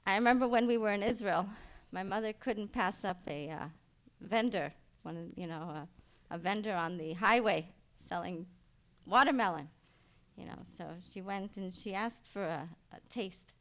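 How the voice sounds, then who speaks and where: A middle-aged woman giving a eulogy at a funeral for her mother. She tells personal stories in a rambling way, with many fillers and restarts, and gets loud and animated at the punchlines. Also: mid-range voice, normal speed. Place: funeral service.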